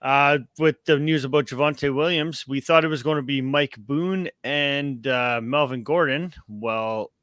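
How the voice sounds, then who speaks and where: A man's voice: medium pitch, measured pace, few pauses, fairly bright tone, clear, resonant tone, no room sound. A young man hosting a casual sports podcast, upbeat and rambling with plenty of fillers. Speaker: podcast host.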